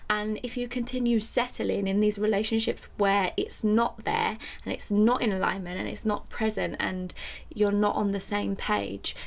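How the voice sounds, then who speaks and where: A young adult woman chatting casually to camera in a conversational, reflective way, repeating phrases for emphasis. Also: mid-range voice. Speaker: YouTuber and independent musician. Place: small furnished room at home, indoors.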